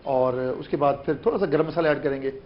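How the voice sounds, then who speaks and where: A man's voice: fairly high pitch, muffled recording, a little hiss or hum. A man who is a guest chef, politely giving step-by-step cooking instructions. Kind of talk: talking through a recipe.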